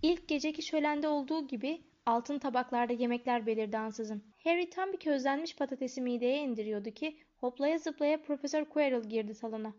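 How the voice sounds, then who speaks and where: A woman narrating a storybook in a calm, even reading voice. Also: high-pitched, a little fast, hardly any pauses. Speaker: audiobook narrator. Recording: dull lo-fi recording.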